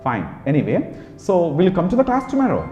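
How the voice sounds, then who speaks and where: A man with a Telugu accent teaching spoken English, drilling phrases in rapid rhythmic lists. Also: fairly high pitch, wildly swooping pitch, darkish tone. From India. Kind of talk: classroom English lesson. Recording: echoey room, dull sound, music behind.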